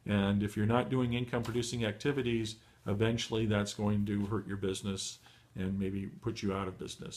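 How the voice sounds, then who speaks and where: A middle-aged man giving a motivational training talk to beginners, encouraging and full of fillers and restarts, his voice going hoarse. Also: fairly low pitch, darkish tone. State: losing his voice. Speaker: online marketing trainer.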